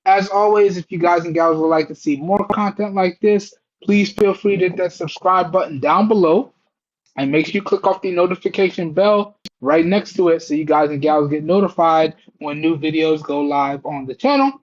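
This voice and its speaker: A man's voice: a little high, moderate pace, dull audio. A man casually narrating a product test to viewers in a folksy, explanatory way, recorded through a Bluetooth earbud headset mic. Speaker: tech reviewer, channel host. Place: indoors at home. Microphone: wireless earbud microphones over Bluetooth.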